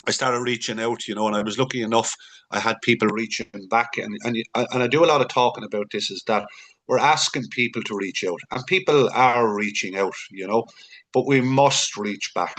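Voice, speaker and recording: A man's voice: medium pitch, a little fast, a bit bright. A man co-hosting a podcast, speaking in an earnest, encouraging way and often repeating words. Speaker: podcast co-host. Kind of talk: casual podcast chat.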